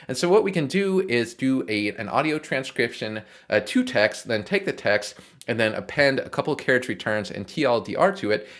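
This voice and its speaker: A fairly low, slightly bright male voice leads a casual code walkthrough in a screencast tutorial. The programming host keeps it informal and explanatory, regularly checking in with the listener.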